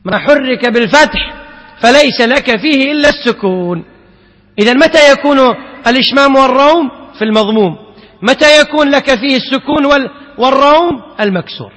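A man with a very high, bright voice teaches Quranic recitation to a class. He quizzes his students and repeats each rule slowly, chanting verses in a drawn-out way. His voice rings out with a long hall reverb. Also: expressive. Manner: asks students questions and repeats key points slowly.

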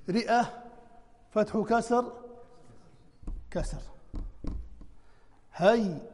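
A man's voice: high voice, darkish tone, big-room sound. A man teaching a spelling lesson, working through examples by asking questions and answering them himself. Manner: methodical, asks and answers his own questions.

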